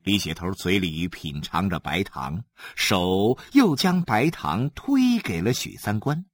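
A man reading a novel aloud as a storyteller, animated and acting out the scenes. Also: low-pitched, slow pace, dry recording.

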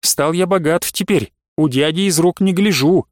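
A man's voice: a little high, normal speed, dry recording, studio quality, lightly acted. A man reading aloud and voicing a passionate young man pleading with his sweetheart. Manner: pleading, insistent. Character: ardent young man, pleading and impatient lover.

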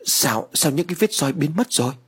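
A man's voice: a little high, expressive, fairly quick, husky, pitched above the performer's own voice. A man voicing a startled, anxious older mother. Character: panicked older mother, a well-off lady.

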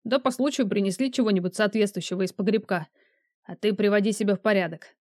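A woman's voice: medium pitch, quick pace, darkish tone, dry recording, studio quality, close to an everyday voice. A woman reading an audiobook, voicing a jovial young man who jokes and laughs easily with his friend. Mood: easygoing. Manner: laughing, easygoing. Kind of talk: audiobook character voice.

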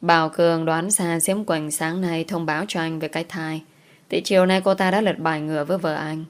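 A woman reading a romance story aloud as its narrator, in a steady, even storytelling delivery. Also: deep voice, brisk. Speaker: audiobook narrator.

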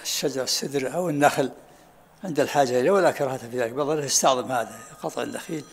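A man teaching a study circle as sheikh, explaining texts at an unhurried pace and often asking students to repeat what they said. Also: mid-range voice, husky. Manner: unhurried, often asks "ha?" to have things repeated. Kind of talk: lesson commentary with questions and answers.

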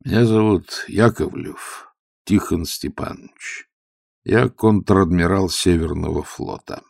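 A man voicing a dignified elderly retired rear admiral who speaks quietly and with calm composure. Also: low-pitched, normal speed, vocal fry, no echo, clean studio sound, full character voice.

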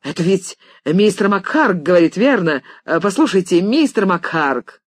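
A reader voicing a flustered young male writer who stammers and talks too loud in an audiobook. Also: medium pitch, sing-song, measured pace, no room sound, studio quality. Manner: stammering, overeager, shouting.

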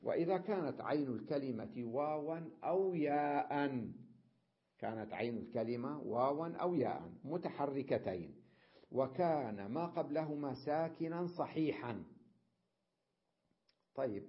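A man's voice: mid-range voice, expressive, unhurried. Man teaching Arabic grammar, lo-fi recording. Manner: reads a passage, then repeats and explains it with examples; checks understanding with short questions. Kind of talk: classroom lesson reading and explaining a text.

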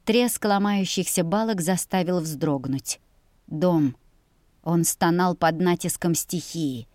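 A woman's voice: lowish voice, takes it slowly, a little mellow, no echo, clean studio sound. A woman reading a first-person fantasy audiobook as narrator, with a dramatic and emotive delivery.

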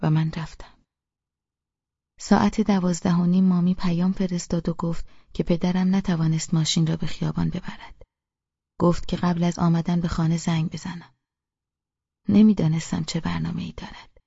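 A woman reading a novel aloud in first person, in a hushed, half-whispered voice. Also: fairly low pitch, level tone, gravelly, long pauses, husky, dry recording, muffled recording. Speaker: audiobook narrator.

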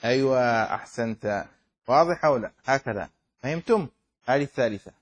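A man's voice: medium pitch, lively intonation, brisk, husky. A middle-aged man teaching a class, explaining a text and often asking the students whether they have understood. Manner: keeps checking students understand, asks questions. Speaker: teacher of Islamic law.

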